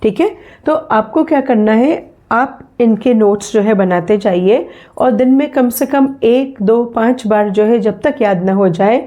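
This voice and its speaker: A woman teaching English phonetics in a slow spoken lesson, patiently repeating sounds and example words for her learners. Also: fairly high pitch, dark tone.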